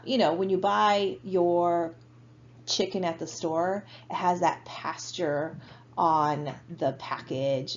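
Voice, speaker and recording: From home, a woman with a lowish voice teaches a college geography class in a recorded online lecture. She talks casually, using lots of fillers and tag questions, and the recording sounds muffled.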